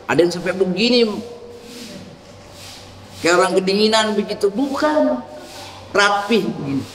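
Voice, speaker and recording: A man's voice: high voice, expressive, unhurried, a bit bright. A man preaching at a dawn gathering in a mosque, acting out prayer gestures and leading the congregation in a repeated chant. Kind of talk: mosque sermon. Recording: echoey mosque hall, faint ambience.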